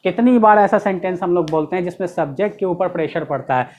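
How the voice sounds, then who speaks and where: A man speaks fast in a high voice with a darkish tone, with slight background noise behind him. He runs a classroom-style English grammar lesson, explaining step by step, stressing key words and asking rhetorical questions.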